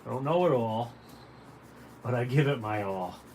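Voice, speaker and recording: The recording clearly picks up noisy room ambience as a man with an animated mid-range voice speaks at a moderate pace. A caricature artist hosting a drawing livestream, he delivers a casual, folksy tutorial, encouraging viewers and speaking straight to them.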